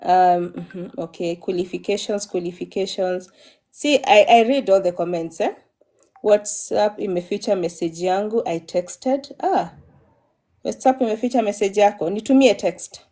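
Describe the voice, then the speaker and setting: A woman's voice: medium pitch, moderate pace, warm tone. A Kenyan woman hosting a casual live stream, chatting, reading comments aloud and spelling out names. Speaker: livestream host. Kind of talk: casual live chat, mixing English and Swahili.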